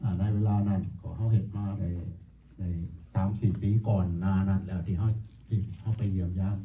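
A man preaching a sermon to his congregation, halting and full of pauses and fillers. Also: deep voice, flat delivery, a little hiss or hum. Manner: halting, many pauses and fillers, addresses the congregation as brothers and sisters. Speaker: pastor. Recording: echoey tinny phone-like sound from far off.

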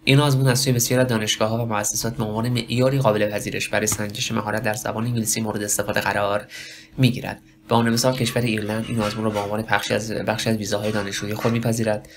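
A man teaching a spoken lesson for test preparation, talking slowly in broken phrases and asking himself questions. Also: on the low side, level tone. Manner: slow, halting delivery with many pauses and self-questions. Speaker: English test prep teacher.

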